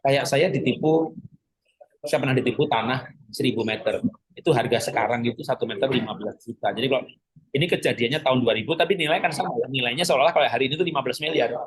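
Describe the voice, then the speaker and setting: A man's voice: mid-range voice, fast talker, crowd noise, rough recording. A middle-aged man preaching in a conversational, joking way, acting out quoted lines and prayers. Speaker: pastor. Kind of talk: sermon teaching.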